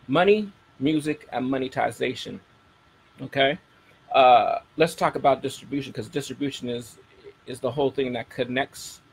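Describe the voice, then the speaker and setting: A middle-aged American man hosts a radio show, speaking casually to his broadcast audience and repeating key phrases for emphasis. His mid-range voice is gravelly, and the poor audio carries a little hiss or hum.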